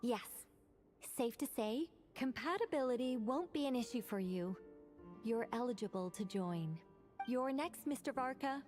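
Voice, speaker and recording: An actress playing a composed, formal young mage examiner in a video game, speaking politely and with confidence. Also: female voice, fairly high pitch, expressive, a little mellow, soft background music. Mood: businesslike. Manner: measured, polite, instructing. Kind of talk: English video game voice acting.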